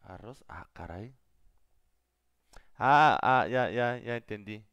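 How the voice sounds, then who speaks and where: Slow, patient Korean man teaching. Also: medium pitch, expressive, fairly bright tone, clear, resonant tone, dry recording, lo-fi sound. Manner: slow, patient explaining, repeating words several times. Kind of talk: live online language class.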